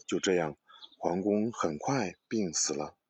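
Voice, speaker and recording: A man narrating a children's story, gently addressing the young listener. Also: low voice, measured pace, slightly rough, no room sound, highs cut off.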